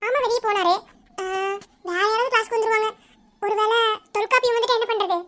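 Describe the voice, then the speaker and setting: A fast, very high-pitched voice for an anxious young college girl, as a woman voices her in a cartoon love story. She quips at her friend and begs strangers for help in a rush. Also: pushed and bright. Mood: teasing. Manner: teasing with her friend, then pleading and tearful. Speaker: lead character in an animated love story. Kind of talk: Tamil cartoon voice acting.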